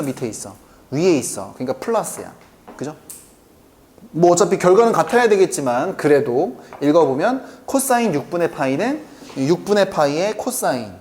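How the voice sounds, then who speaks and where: A man teaching a math lesson, who keeps asking the class quick questions and then answers them himself. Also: fairly high pitch, a little mellow. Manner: keeps checking in with quick rhetorical questions to students; answers his own questions aloud.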